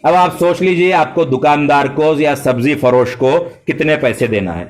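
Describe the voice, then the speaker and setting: A man's voice: fairly high pitch, normal speed. A middle-aged man teaching math to a full classroom of children, speaking politely and praising them. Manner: addresses students with polite forms and praise.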